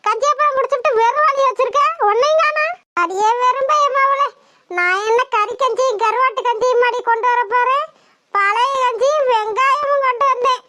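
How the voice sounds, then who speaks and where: A woman's voice: very high-pitched, very noisy. A woman voicing a cheeky young granddaughter in a cartoon, teasing her grandmother with affection. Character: cheeky young village granddaughter back from town. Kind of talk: cartoon voice acting.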